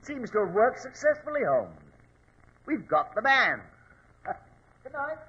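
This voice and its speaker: An actor playing a brisk, authoritative police inspector with a barking manner in 1940s radio drama style. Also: male voice, extremely high pitch, very animated, bright, forceful tone, slightly rough, full character voice. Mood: brisk, satisfied. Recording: dull vintage radio recording.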